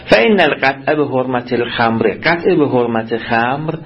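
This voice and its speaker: A man's voice: mid-range voice, lively intonation, muffled recording. A man teaching a seminary class, reading passages aloud and explaining them, often quizzing his students. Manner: reads Arabic text then explains it in Persian, quizzing students. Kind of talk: classroom lecture on jurisprudence.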